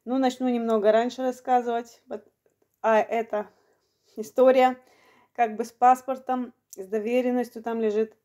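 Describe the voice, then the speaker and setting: A woman around fifty from Ukraine, telling a long personal story in a vlog, unhurried and matter-of-fact, slightly short of breath. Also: on the high side, flat delivery, dark tone. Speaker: vlogger.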